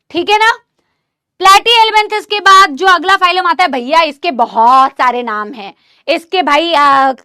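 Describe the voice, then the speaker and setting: A young woman teaching a live online class in a high, bright voice, close and dry with no room sound. She is chatty and firm, drilling each term slowly so students repeat it. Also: no room sound. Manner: drills pronunciation, chatty and scolding. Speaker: biology teacher.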